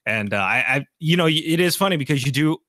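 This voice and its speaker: Male podcast co-host, bright edgy voice, halting and filler-heavy, dry recording. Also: a little high, expressive, no echo. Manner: halting, thinking aloud with fillers. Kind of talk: casual podcast chat.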